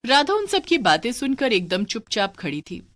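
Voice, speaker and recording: A woman narrates a cartoon story in a measured, steady voice. Her tone sits fairly high for a woman.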